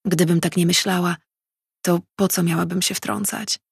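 A woman's voice: fairly low pitch, little pitch movement, normal speed, gravelly, husky, dry recording, studio quality, full character voice. Defiant young woman, read by a narrator. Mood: arguing. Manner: pleading, arguing.

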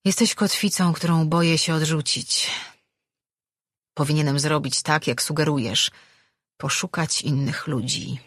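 A woman's voice: deep voice, steady tone, measured pace, fairly bright tone, breathy edge, no room sound, studio quality, full character voice. A woman voicing a weary, restless man who is an ancient dream weaver, speaking in an earnest, reflective way.

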